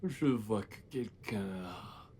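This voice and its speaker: A man dubbing a film role: a calm young fiancé speaking to his bride-to-be. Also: fairly low pitch, slow, breathy edge, heavily acted. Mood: pleased. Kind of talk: dubbed film acting.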